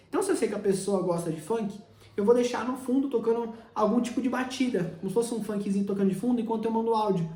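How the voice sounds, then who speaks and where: A man's voice: sits high, a little mellow. Young man coaching, roomy echo. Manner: direct, addresses the listener constantly. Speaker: sales coach. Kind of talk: instructional talk.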